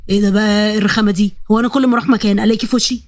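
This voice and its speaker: A woman voicing a cocky, stubborn young man in his late twenties, with an Egyptian accent and a bantering, quick-tongued manner. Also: medium pitch, steady tone, no echo, studio quality, pitched below the performer's own voice, natural voice. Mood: teasing. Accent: Egyptian Arabic.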